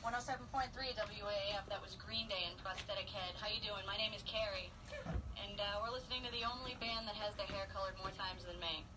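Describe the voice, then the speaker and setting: Young female rock DJ, brash banter, chipmunk-fast tape playback, noisy far-off cassette sound. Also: mid-range voice, fairly even intonation. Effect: sped-up tape that makes her sound like a chipmunk. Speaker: rock radio DJ. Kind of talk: radio DJ patter. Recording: noisy old cassette dub, distant.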